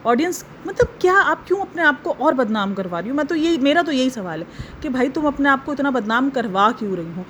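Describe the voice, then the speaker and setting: A woman with a high voice talks straight to her viewers in a casual commentary vlog. She scolds and fires off rhetorical questions in an exasperated tone. A faint hiss of noise sits under her voice. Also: expressive, brisk. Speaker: commentary vlogger, channel host.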